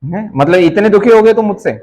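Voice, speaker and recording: A man's voice: high voice, expressive, brisk, darkish tone, slight background noise, low-quality recording. A man teaching a chemistry class live, teasing his students and calling them by pet names while switching between languages. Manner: teasing, calls students beta, mixes English phrases.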